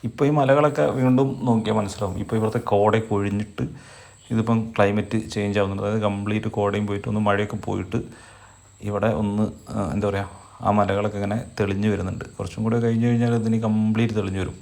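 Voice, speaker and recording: A Malayali man from Kerala narrates a travel vlog casually, explaining things with some repetition. His voice is lowish and quite gravelly, with very little melody, and he talks at a fast clip. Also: flat delivery, a little mellow. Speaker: travel vlogger.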